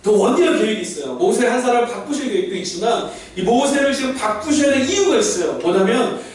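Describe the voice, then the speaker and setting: His voice is very high and his delivery quick: a male preacher animatedly voicing God's lines and firing questions at the crowd. Heard from far off in a cavernous, echoing church hall, with faint noise underneath.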